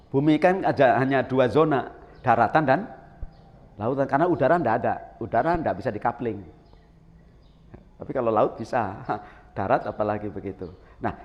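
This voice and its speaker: A man preaching a dawn sermon who jokes and keeps putting questions to his listeners. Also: on the high side. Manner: lively, joking, asks the audience questions. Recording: long hall reverb.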